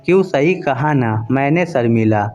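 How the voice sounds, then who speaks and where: A man's voice: medium pitch, animated, measured pace, darkish tone, muffled recording, faint music behind, lightly acted. A man voicing a stern, fair-minded elderly father. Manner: stern, scolding.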